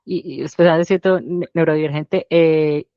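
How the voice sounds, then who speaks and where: A woman with a Colombian Spanish accent, a doctor guest in an interview, telling her story in a lively way with frequent restarts. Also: deep voice, normal speed, no room sound, dull audio. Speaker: guest, general practitioner. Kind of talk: casual interview chat.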